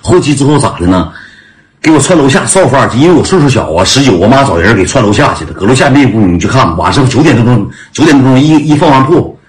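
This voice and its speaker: A man's voice: medium pitch, animated, quick pace. A man with a Northeastern Chinese accent, telling a comic story in a chatty way, laughing as he goes and calling out to his listeners.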